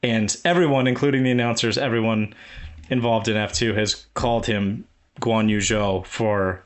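A man's voice: on the low side, fairly even intonation, moderate pace. Chatty man steering a podcast. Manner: chatty, laughs easily, leads the segments. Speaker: podcast co-host. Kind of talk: casual chat.

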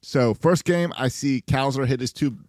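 A man co-hosting a sports podcast, chatting casually and telling stories in an animated way with quoted asides. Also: mid-range voice, normal speed, no room sound, studio quality. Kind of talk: casual baseball chat.

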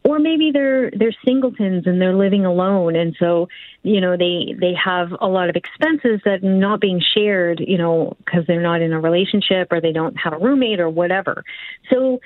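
This woman speaks with a Cape Breton accent and explains things at length, full of "you know"s, in a relaxed way. Her voice comes through a tinny phone line, and the sound is close and dry. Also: on the low side, normal speed, no echo. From Cape Breton, Canada. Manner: talkative, explains at length with many fillers. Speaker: research assistant guest. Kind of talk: casual interview talk.

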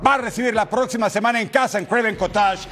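Talking directly to the viewer, a man calls football highlights in a casual, exclamatory manner. His delivery is quick, pushed, and bright.

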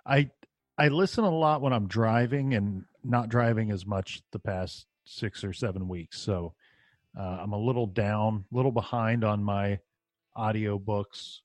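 A man's voice: lowish voice, a little slow, no echo. A man chatting casually as a guest on a true crime podcast. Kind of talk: casual chat.

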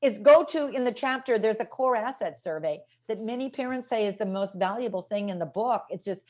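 A woman's voice: medium pitch, a little fast. A middle-aged woman speaking as an expert guest in an interview, telling stories animatedly and acting out what kids told her. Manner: animated storyteller, acts out quoted kids. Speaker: guest expert, educational psychologist. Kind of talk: conversational interview.

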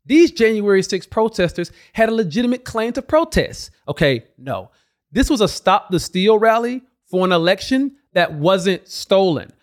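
A man's voice: high voice, very animated, normal speed. A man delivering scripted political commentary as a host, with a sarcastic, mocking manner.

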